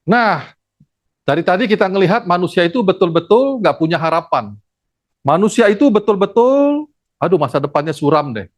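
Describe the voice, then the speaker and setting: A theology lecturer giving a lively classroom lecture, acting out stories and asking the class questions. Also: mid-range voice, moderate pace, no echo. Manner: animated, acts out stories, asks the class questions.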